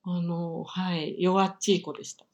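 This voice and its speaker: A middle-aged Japanese woman chatting casually as a podcast guest, gentle and reflective, with many small filler pauses and a trace of Kansai. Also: fairly low pitch, level tone. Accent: standard Japanese with some Kansai. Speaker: podcast guest, workshop teacher. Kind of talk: casual interview chat.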